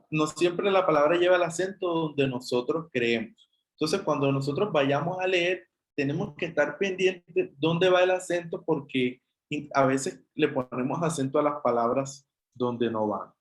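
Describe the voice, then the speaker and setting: A man's voice: fairly high pitch, echoey room, low-quality recording. A man teaching an online Greek class, explaining patiently step by step and addressing students as brothers, with a Chilean Spanish accent.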